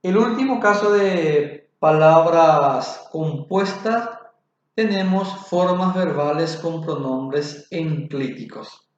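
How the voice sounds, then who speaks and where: A man giving a spoken grammar lesson, slow and deliberate, spelling out examples. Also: on the high side. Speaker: teacher. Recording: very echoey, dull lo-fi room.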